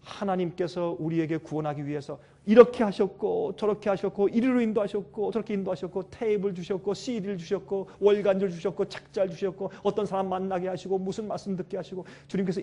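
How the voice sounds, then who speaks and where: A man preaching a sermon with emphasis, swinging between loud calls and quiet asides and putting questions to his listeners. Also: sits high.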